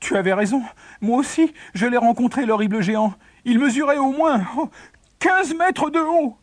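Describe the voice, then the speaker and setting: A man's voice: on the high side, a little fast, slightly rough, no echo. A man voicing a boastful but cowardly young son who stammers, in a fairy tale. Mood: frightened.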